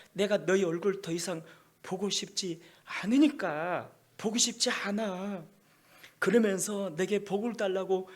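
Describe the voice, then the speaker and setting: A man's voice: sits high, pitched above the performer's own voice. A male pastor voicing an angry God who rebukes his priests with repeated, thundering demands.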